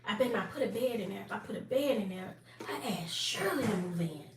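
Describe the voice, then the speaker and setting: The recording has an echoey room, a faraway mic, and faint noise, capturing a woman in her forties casually chatting with her live stream viewers. She addresses them directly and laughs often, talking fast with a medium pitch and lively intonation.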